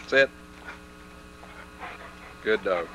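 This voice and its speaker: Heard through old camcorder audio with a dull sound and background noise, a man with a lowish voice draws out his words. He's a family member filming home movies, chatting casually and explaining things step by step into the built-in mic.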